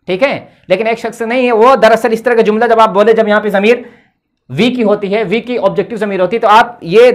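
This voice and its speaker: Male English teacher, tinged delivery, patient board lesson, repeats his check-ins. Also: high-pitched. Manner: repeats "theek hai" often, explains patiently.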